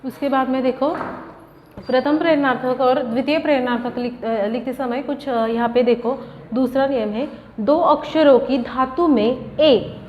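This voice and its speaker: A woman's voice: sits high, slight background noise. A woman teaching a grammar lesson, explaining step by step and answering her own questions. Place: classroom or coaching room. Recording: echoey room, dull lo-fi sound.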